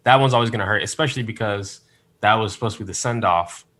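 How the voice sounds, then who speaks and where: Male podcast guest, fairly low bright voice, rambles through his stories with lots of fillers. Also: fast talker. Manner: rambling storyteller with many fillers, rueful. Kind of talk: casual chat.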